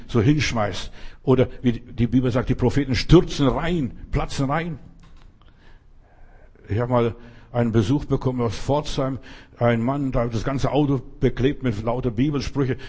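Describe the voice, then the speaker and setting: A man's voice: medium pitch, slightly rough. A man preaching a conversational sermon, talking straight to one listener and acting out the stories he tells. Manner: speaks directly to one listener, often asks "weißt du"; animated storytelling, acting out quoted voices.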